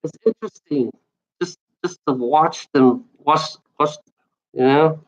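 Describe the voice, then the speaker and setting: A woman with a low voice, who stutters, goes on a rambling livestream rant against trolls in her chat, full of repetition, restarted phrases, and profanity. She speaks at an unhurried pace, and the high frequencies in the recording are cut off.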